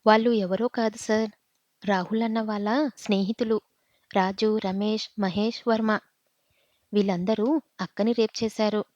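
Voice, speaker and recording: A woman's voice: medium pitch, fairly even intonation, unhurried, pauses often, darkish tone, no room sound, lightly acted. A woman voicing a frightened young girl recounting what she saw, in a dull, dry recording.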